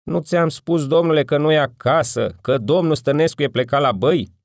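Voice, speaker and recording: Man playing a hoarse cranky neighbor, raised pitch, loud, audiobook. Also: no room sound, clean studio sound, natural voice. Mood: irritated. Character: irritated male neighbor woken at night.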